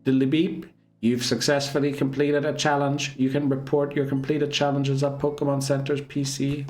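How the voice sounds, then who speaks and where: A man's voice: medium pitch, monotone, normal speed, darkish tone, slight background noise, pitched above the performer's own voice, lightly acted. A man putting on a retro 1980s computer voice, reading out game messages in a stiff, robotic way. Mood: announcing.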